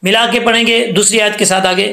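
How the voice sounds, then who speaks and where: A man teaches Quran recitation, drawing out syllables and repeating them patiently. His voice sits high, and it rings around a reverberant room. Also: steady tone, fairly quick, vocal fry, pushed and bright. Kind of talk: tajweed lesson explaining letter sounds.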